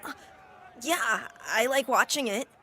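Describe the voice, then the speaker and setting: A man's voice: very high voice, unhurried, bright, forceful tone, full character voice. A man playing a shy, easily flustered teenage schoolboy in an English anime dub. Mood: timid.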